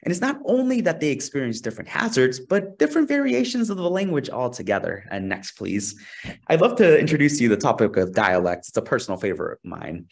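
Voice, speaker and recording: A man's voice: mid-range voice, very animated, fast talker, creaky. A young man from Peru, a social scientist giving a webinar presentation over a video call, earnest and asking for the next slide now and then. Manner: earnest, asks for next slide, some restarts. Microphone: video call webcam.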